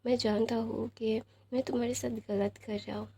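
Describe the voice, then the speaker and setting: A woman's voice: on the high side, level tone, moderate pace, vocal fry, dark tone, a little hiss or hum. A woman reading as a possessive young lover. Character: possessive lovestruck young man, tender and stern.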